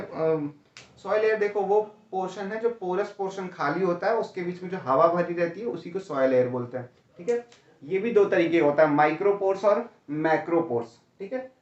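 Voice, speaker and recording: A male teacher giving an exam-prep lecture, explaining step by step and often checking in with "है ना?" and "ठीक है?", calling students "भैया". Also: high-pitched. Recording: roomy, distant, dull lo-fi sound.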